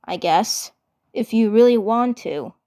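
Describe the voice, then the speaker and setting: A woman's voice: on the high side, unhurried, mellow. A woman voicing an arrogant male cartoon alien invader who is flustered, grudging and stammering. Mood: grudging, overwhelmed.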